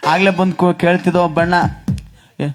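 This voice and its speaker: A man's voice: fairly high pitch, fairly quick. A man from the region, telling comic stories on stage in a rustic, teasing way. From Mysore region, Karnataka. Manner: rustic, teasing banter with acted-out quoted voices. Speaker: stage comedian and singer.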